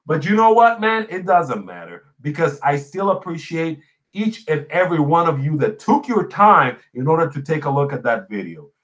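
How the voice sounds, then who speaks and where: With a somewhat high, sing-song voice that is a bit bright, this podcast host and small YouTuber from Puerto Rico talks at normal speed. Spanish is his first language, and his accent is Puerto Rican. Responding casually to live viewer comments, he tells stories with emphasis and repeats phrases for effect.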